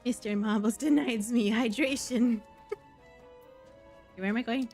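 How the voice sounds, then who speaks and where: A woman's voice: a little high, takes it slowly, darkish tone, faint music behind. A woman streaming a game live, chatting playfully to herself and humming along. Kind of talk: live gameplay chat.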